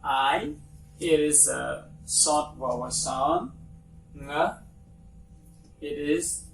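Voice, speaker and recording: A man with a Cambodian accent teaching English pronunciation very slowly, repeating each word several times. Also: fairly high pitch, creaky. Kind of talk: slow step-by-step pronunciation lesson. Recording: echoey room, distant mic, faint noise.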